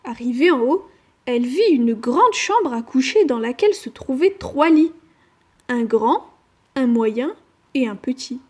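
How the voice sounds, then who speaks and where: Storyteller: woman, high voice, gentle expressive read-aloud. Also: unhurried, husky. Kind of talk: children's story reading.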